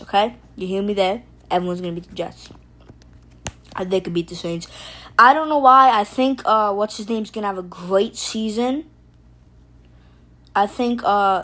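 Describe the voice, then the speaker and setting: A woman streaming casually to her chat, joking and rambling with loose restarts. Her pitch sits in a middle range, and she calls out to viewers by name. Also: a little hiss or hum, low-quality recording. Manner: playful, jokey, talks to chat by name. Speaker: livestream host.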